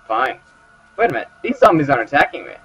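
Sarcastic guy doing a let's play, fast and bouncy, bit husky, dull mic with game music. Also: mid-range voice, very animated, fairly bright tone. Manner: sarcastic, joking, role-playing his character. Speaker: gameplay commentator.

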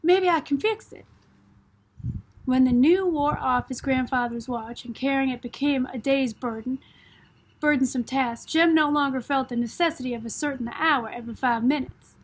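A woman narrating a novel in a steady, unhurried way, as in an audiobook. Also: sits high, husky.

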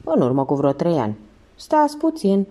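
A woman voicing a crafty, hoarse old newspaper seller who grumbles slyly, in an audiobook reading. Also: lowish voice, wildly swooping pitch, dark tone.

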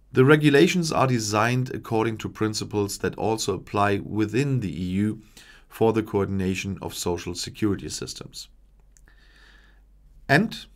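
A man in his forties reading political news from a script at a desk microphone in a small home studio, measured and steady with small slips. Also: fairly low pitch. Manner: measured, reads long official passages with small slips. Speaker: news commentator. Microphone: desk microphone in front.

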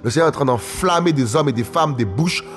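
A man's voice: medium pitch, animated, quick pace. Emphatic male preacher in a reverberant hall. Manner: emphatic, repetitive, often calls out to listeners. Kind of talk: preaching a sermon. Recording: faint music, long hall reverb.

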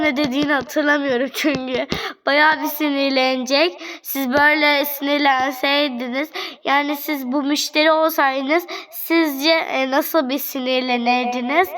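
A woman's voice: sits high, a bit bright, rough recording. A woman chatting straight to her viewers while playing a game, playful and fretting. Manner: playful, fretting over angry customers. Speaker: gaming channel host. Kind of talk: let's-play gameplay commentary.

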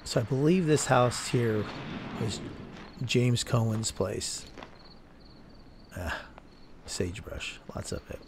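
A man with a gravelly, creaky voice talks through an abandoned building in the desert at night, speaking slowly and rambling. His camera is mounted on his chest, and faint crickets and insects chirp in the background. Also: medium pitch, expressive, background noise. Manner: slow, rambling, self-correcting. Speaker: urban explorer vlogger. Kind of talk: casual walkthrough narration.

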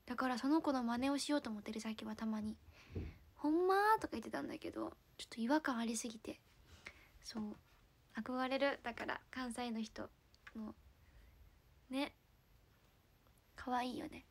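A young woman from Fukuoka with a Hakata accent, chatting casually on a livestream, giggling and sometimes dropping to a soft murmur. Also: a little high, fairly even intonation, normal speed, long pauses. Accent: Hakata dialect. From Fukuoka, Japan. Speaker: idol livestreamer.

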